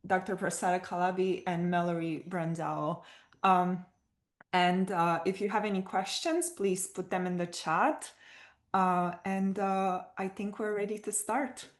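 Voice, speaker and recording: A woman with a Romanian accent and a fairly low pitch moderates an online panel over a video call. She reads out speaker bios, using many fillers and stumbling over the names.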